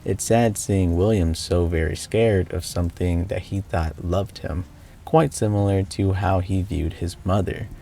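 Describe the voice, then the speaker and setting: A man reading scripted game analysis narration in a measured, explanatory way. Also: low-pitched, steady tone, vocal fry, warm tone, a little hiss or hum. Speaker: video narrator.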